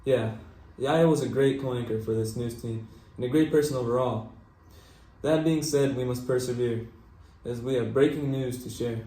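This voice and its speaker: A man playing an earnest male anchor of a 1940s newscast. He has a mellow, mid-pitched voice and a formal, scripted delivery, heard in an echoey room. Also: moderate pace, recorded from a distance, natural voice.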